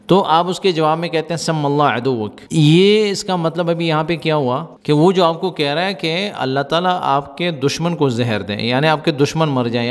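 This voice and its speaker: A man teaching Gulf Arabic vocabulary in Urdu, repeating each word slowly for practice. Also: fairly high pitch, in a large hall. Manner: repeats words slowly for drill.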